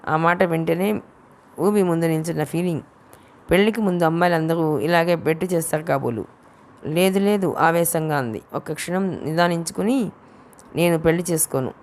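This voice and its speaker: A woman's voice: low voice, gravelly. A woman reading a novel aloud as an audiobook narrator, telling the story steadily and reading the dialogue without separate character voices. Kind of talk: scripted narration of a novel, voicing all characters.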